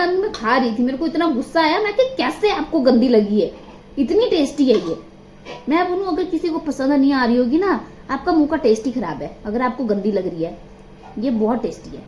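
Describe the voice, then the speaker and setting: A young woman chats into her phone at home, gushing and piling up repeats for emphasis. Her voice sits fairly high for a woman. The sound is roomy and echoey, with a faint hum of background noise. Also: a little mellow. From Himachal Pradesh, India. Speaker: vlogger. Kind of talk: casual vlog chat.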